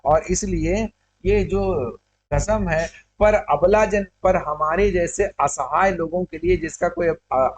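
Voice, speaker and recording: A male teacher giving a poetry lesson, reciting lines of verse and then explaining them phrase by phrase, repeating words to make their meaning clear. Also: fairly high pitch.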